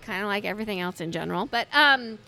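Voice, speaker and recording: A woman telling a rambling, animated story in casual chat, swearing freely and acting out what others said. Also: medium pitch, fast talker, gravelly, soft background music. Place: brewery.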